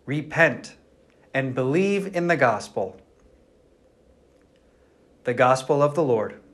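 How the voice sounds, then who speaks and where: A man's voice: mid-range voice, expressive. Man with roomy church echo. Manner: measured, storytelling delivery. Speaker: priest. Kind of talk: Mass readings and homily.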